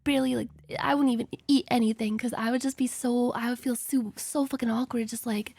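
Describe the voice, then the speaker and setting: A woman's voice: a little high, fairly even intonation, a little fast, vocal fry, darkish tone, dry recording. A woman reacting to videos in casual chat, slangy and swearing freely.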